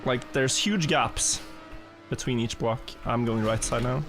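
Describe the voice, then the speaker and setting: A man's voice: mid-range voice, a little slow, music in the background. A man streaming a game, telling rambling stories in casual chat and chuckling now and then. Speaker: gaming streamer.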